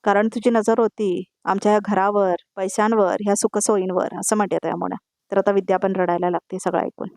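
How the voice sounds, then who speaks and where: Brisk woman narrating a serial recap. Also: medium pitch, little pitch movement, darkish tone, dry recording. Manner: retells scenes line by line, tagging each quote; addresses viewers directly with asides. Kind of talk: voice-over episode recap.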